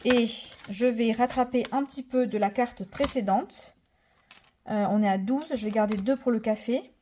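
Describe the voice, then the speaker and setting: A woman's voice: a little high, moderate pace, mellow, a little hiss or hum. Chatty woman in her thirties vlogging. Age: 30s. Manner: chatty and enthusiastic, many fillers, counts money aloud. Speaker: budget vlogger. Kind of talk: casual budgeting vlog narration.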